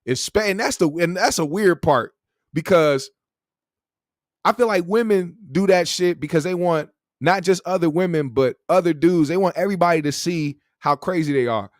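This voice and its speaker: A man's voice: fairly high pitch, moderate pace, no echo, clean studio sound. A man hosting a call-in show, talking casually in a slangy, profane, opinionated conversational way. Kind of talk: casual opinionated rant and chat.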